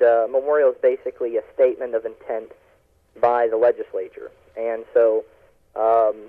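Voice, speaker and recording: A man calling in to a talk radio interview, heard over a phone line on the radio, explaining earnestly with many ums and uhs. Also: mid-range voice. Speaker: activist guest calling in.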